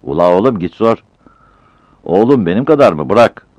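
A man's voice: on the low side, very animated, moderate pace, a little mellow, no echo, pitched above the performer's own voice. A man voicing a shabby, stubborn old bearded porter who talks dismissively. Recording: dull lo-fi dry recording.

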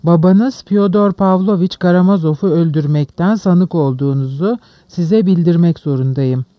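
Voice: medium pitch, no room sound, natural voice. Brief: arrogant young magistrate, voiced by an audiobook narrator, clipped and formal; dry, dull sound. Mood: stern. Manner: haughty, quick, then cold and formal. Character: small haughty young investigating magistrate, man. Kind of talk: audiobook character voice.

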